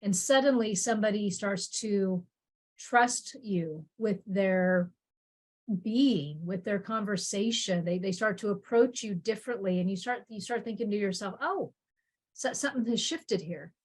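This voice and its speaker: A woman's voice: mid-range voice, measured pace. Chatty, affirming woman podcast host. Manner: chatty and affirming, with a casual turn of phrase. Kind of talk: podcast conversation.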